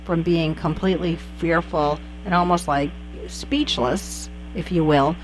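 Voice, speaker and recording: A woman's voice: deep voice, fairly even intonation, unhurried, soft background music, poor audio. A woman hosting an interview, chatty and inquisitive, who asks long winding questions. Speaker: podcast host. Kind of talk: conversational interview.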